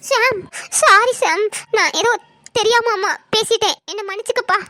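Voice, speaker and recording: A woman's voice: extremely high pitch, moderate pace, bright, forceful tone. A woman playing a middle-aged mother who defends herself and then pleads for forgiveness in a family drama skit. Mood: pleading.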